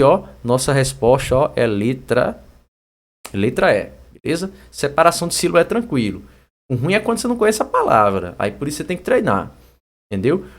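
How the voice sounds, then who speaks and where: A young Brazilian man teaching an exam-prep Portuguese lesson in a chatty, lively way, now and then shouting out words to show the stressed syllable. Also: mid-range voice.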